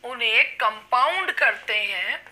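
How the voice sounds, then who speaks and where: A woman teaching an English spelling lesson, explaining slowly and drawing out her example words. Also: fairly high pitch, animated, pushed and bright. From India. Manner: slow, drawn-out explanations with stretched example words. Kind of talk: classroom lesson.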